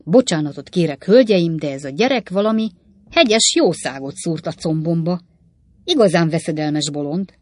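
A woman voicing a genial, polite elderly gentleman who is easily startled, fussy and courteous. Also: lively intonation, no echo. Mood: alarmed. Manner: fussy and courteous, rising to high exclamations. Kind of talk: audiobook character voice.

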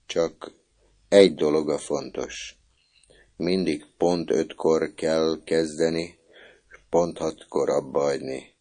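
A kind older student speaks calmly and softly to a younger boy, as a deep-voiced male narrator reads him. The voice stays low, dark and quiet. It sounds like a storybook read aloud. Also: long pauses. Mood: gentle. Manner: gentle and soft-spoken.

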